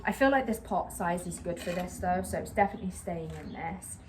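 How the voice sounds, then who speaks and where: Repotting a plant outdoors on a patio beside a brick wall in a light wind, this young English plant vlogger talks to the camera a little fast in a fairly low voice. She rambles self-consciously, heavy on fillers, with clear outdoor sound in the background.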